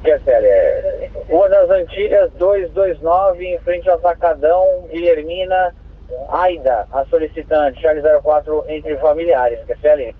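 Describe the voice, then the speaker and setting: A Brazilian man dispatches over police radio in a slightly high, husky voice. He is courteous and procedural, giving codes and numbers. The sound is thin and narrow, like a two-way radio. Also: measured pace. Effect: two-way radio transmission.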